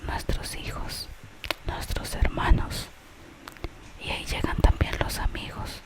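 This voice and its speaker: A person telling a gentle bedtime-style tale in Spanish in an unvoiced ASMR whisper, slowly and without hurry. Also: low-quality recording. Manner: whispers throughout, slow and unhurried. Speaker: storyteller.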